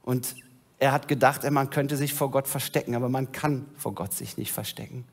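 A male pastor preaching a sermon, retelling scripture in a storytelling way and dropping low and soft at solemn moments. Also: steady tone, moderate pace, vocal fry.

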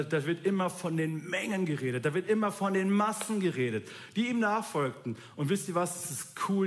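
A man preaching a sermon in a lively, casual way, acting out what different people say in quoted voices. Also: high-pitched. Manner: lively, acts out quoted voices, colloquial youth slang.

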